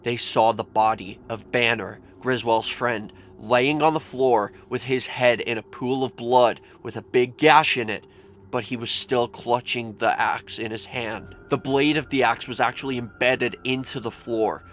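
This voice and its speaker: With a medium-pitched, fairly bright voice and fairly even intonation, a man recounts scary stories at a measured pace. His storytelling is casual and vlog-like, peppered with "like" and a bit of mild swearing. Background ambience makes the recording clearly noisy.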